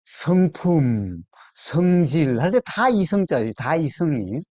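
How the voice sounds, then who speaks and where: A man gives a dharma talk to a small group, teaching Buddhist meditation slowly and deliberately, repeating key words and asking his listeners questions. His mellow voice is very animated, with a pitch that moves a lot. The recording is dry and lo-fi, with no room sound.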